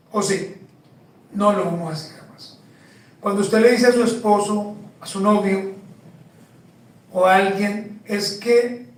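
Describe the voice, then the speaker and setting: Male pastor, high voice, slow emphatic sermon, rhetorical questions, very echoey church, off-mic. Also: distant mic.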